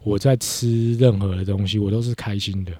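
Husky low-voiced man in casual chat. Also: moderate pace, no echo. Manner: reflective, animated when retelling conversations. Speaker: podcast co-host.

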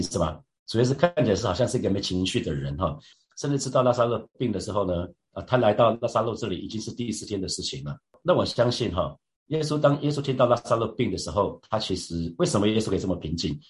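A man giving a devotional Bible teaching as a church leader, reflective and unhurried, often turning to his listeners with rhetorical questions and soft fillers. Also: fairly low pitch.

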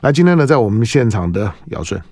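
A man's voice: mid-range voice, big pitch swings, fast, a little mellow, dry recording. A middle-aged man with a Taiwanese Mandarin accent, hosting a morning radio show in a studio and bantering casually, often stammering and repeating words. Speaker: radio talk show host.

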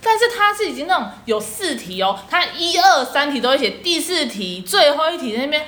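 Fed-up Taiwanese woman, animated, echoey. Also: sits high, a little fast. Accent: Taiwanese Mandarin. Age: 20s. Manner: exasperated, blunt venting. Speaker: podcast co-host, tutor. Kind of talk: casual chat.

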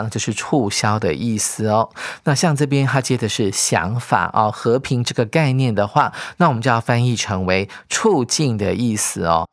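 Lively male English teacher, dry sound. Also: medium pitch, dry recording. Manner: reads English lines slowly, then explains in chatty Mandarin; ends phrases with soft particles like "ah" and "oh". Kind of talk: radio-style English reading lesson.

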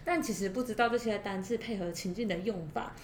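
A woman with a Taiwanese accent, co-hosting a conversational educational discussion and chattily laying out points in order. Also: fast. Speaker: podcast co-host. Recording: roomy echo, faint noise and rumble.

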